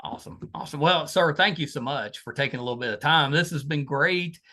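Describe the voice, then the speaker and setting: A man's voice: fairly high pitch, brisk, bright, forceful tone. A man with an Appalachian West Virginia accent, hosting a podcast in a casual, folksy, conversational way. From West Virginia, USA. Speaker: podcast host.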